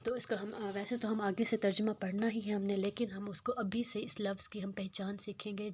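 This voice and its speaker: A woman teaching Quran reading, speaking slowly and repeating sounds and words to show the difference between them. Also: mid-range voice, little pitch movement, darkish tone, slight background noise. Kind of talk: slow patient tajweed lesson.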